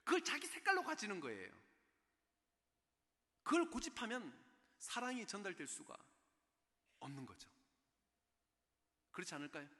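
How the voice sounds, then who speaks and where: A man lectures on parenting at a church, pausing to put rhetorical questions to his listeners. His voice sits high and moves around a lot. The sound carries the long echo of a large church hall. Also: wildly swooping pitch, sharp tone. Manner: keeps checking in with the audience through rhetorical questions. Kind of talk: special lecture at a church service. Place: church in Seoul.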